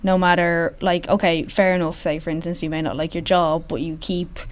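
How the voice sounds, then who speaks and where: A woman's voice: fairly low pitch, level tone, moderate pace. Woman podcasting casually in an echoey gym. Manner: informal, chatty, conversational. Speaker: podcast host. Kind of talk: casual solo podcast talk. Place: large open gym, indoors. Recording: echoey open gym room.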